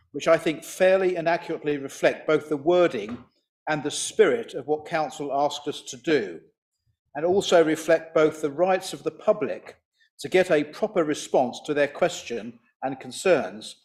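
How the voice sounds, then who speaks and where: A man as a councillor moving a motion, speaking in fluent, measured, formal sentences. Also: fairly high pitch.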